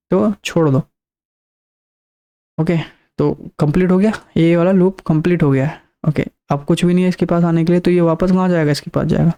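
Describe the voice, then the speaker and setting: A male programming teacher talks through his lesson one step at a time. His voice is warm and mellow, and he often repeats a point and counts items aloud to make it clear. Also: sits high. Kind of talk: screen-recorded coding lesson.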